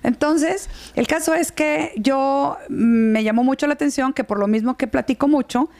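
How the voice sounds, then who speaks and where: A talkative woman hosting a casual conversation, speaking loudly as if shouting. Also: high voice, normal speed.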